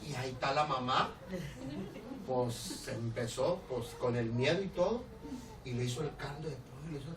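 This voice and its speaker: A man with a Mexican accent preaching a storytelling sermon as a pastor, animated and laughing, acting out the people in his story. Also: mid-range voice, normal speed. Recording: roomy, distant church recording with background noise.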